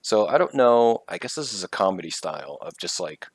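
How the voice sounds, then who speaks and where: Deep-voiced sarcastic man reviewing games. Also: sing-song, a little fast, no echo. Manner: sarcastic, fills with "like". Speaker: game reviewer, co-host. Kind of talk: casual review chat.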